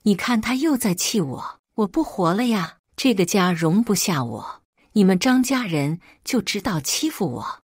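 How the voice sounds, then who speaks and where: A woman voicing a shrill, bullying middle-aged mother who scolds and shrieks in a story reading. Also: big pitch swings, unhurried, husky, no echo, clean studio sound. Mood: shrill scolding.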